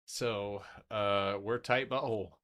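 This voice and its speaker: Stream host, man in his 30s, low pitch, forceful and chatty, swears and laughs. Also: fairly even intonation, slow. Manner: loose and chatty, swears, laughs, answers chat. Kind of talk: casual live-stream chart commentary.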